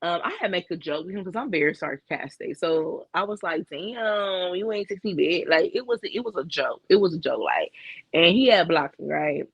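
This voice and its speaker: A woman's voice: deep voice, animated, moderate pace, creaky, husky, dry recording, lo-fi sound. A woman co-hosting a casual chat, telling a candid, profane dating story full of fillers. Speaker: co-host.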